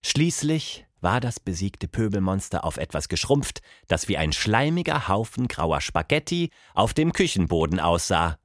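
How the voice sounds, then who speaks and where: A man narrating a children's audiobook with expressive, dramatic storytelling. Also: fairly low pitch, dry recording, clean studio sound.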